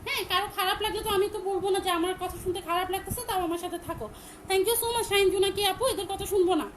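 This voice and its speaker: A woman with a Bangladeshi Bengali accent, selling dresses on a live stream, talking loudly and repeating her pitch over and over. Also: fairly even intonation, very fast, slight background noise, rough recording. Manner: loud, repetitive sales pitch. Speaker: online shop seller.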